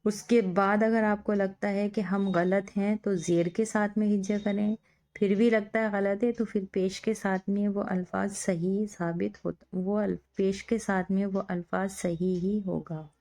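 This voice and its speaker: Slow, patient woman spelling out words. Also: medium pitch, fairly even intonation, darkish tone. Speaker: Urdu teacher.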